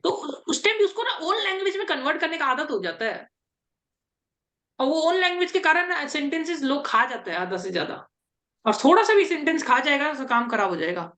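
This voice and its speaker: A woman's voice: high-pitched, sing-song, a little fast, a bit bright. A woman interview coach giving casual, repetitive advice and mixing English terms into her speech.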